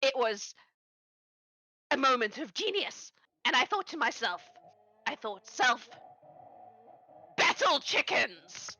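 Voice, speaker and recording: A woman voicing a small, frantic male goblin tinkerer who rambles and shouts in a high, panicked voice. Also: big pitch swings, takes it slowly, pauses often, no echo, full character voice, poor audio. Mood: rambling.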